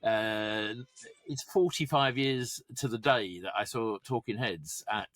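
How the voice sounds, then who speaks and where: Bright-voiced middle-aged man. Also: fairly low pitch, measured pace. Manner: rambling, digressive, trivia-heavy. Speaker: podcast co-host. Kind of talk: casual chat.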